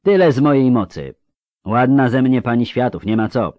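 A man's voice: medium pitch, expressive, moderate pace, darkish tone, no room sound, studio quality, voice pushed up, lightly acted. A man voicing a weary, self-mocking young woman in a read-aloud story, raising his voice for her. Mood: frustrated, urging.

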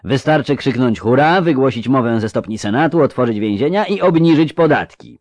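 A man's voice: mid-range voice, animated, a little fast, no room sound, natural voice. A man reading an audiobook, voicing a male conspirator who persuades his fellow plotters. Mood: persuasive. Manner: persuasive, rousing.

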